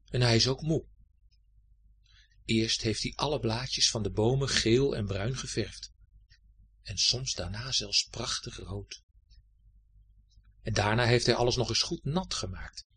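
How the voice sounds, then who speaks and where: A man reading a children's story aloud in a gentle, expressive way. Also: medium pitch, unhurried, pauses often, breathy edge.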